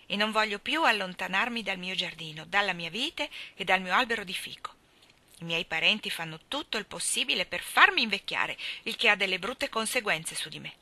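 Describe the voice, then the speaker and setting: A woman's voice: mid-range voice, sharp tone, dry recording. A woman voicing an anxious, devoted young maid girl, speaking earnestly and in a worried rush.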